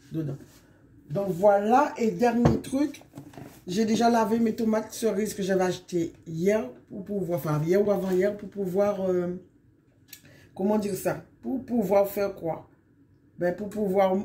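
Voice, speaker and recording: Hoarse middle-aged woman from guadeloupe rambling in her vlog, warm mellow voice, faint background hiss. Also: medium pitch. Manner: chatty and rambling, often sums up with "donc voilà". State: hoarse from illness. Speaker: vlogger. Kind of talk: casual vlog chat.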